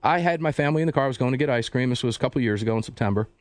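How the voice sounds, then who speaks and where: A man's voice: mid-range voice, racing, no echo. Man hosting a talk show, dry studio. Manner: conversational, animated questioning with restarts. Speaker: host. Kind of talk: radio talk show interview.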